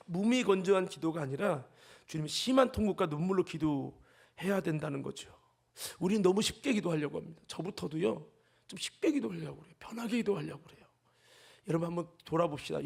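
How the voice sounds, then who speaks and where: A man preaching a Sunday afternoon sermon as senior pastor, swinging from hushed whispers to shouted peaks and joking with his congregation. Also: high-pitched, gravelly, breathy edge. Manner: jokes with and calls on congregation members; leads the congregation in crying out.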